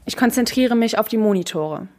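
A teenage girl reading a first-person novel excerpt aloud in a plain, even way. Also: fairly high pitch, fairly quick. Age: teens.

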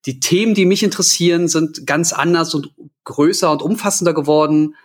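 A man in his thirties on a podcast, talking earnestly in casual chat and pausing on fillers as he searches for words. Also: fairly high pitch. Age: 30s. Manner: earnest, hesitant with many fillers. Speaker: podcast co-host.

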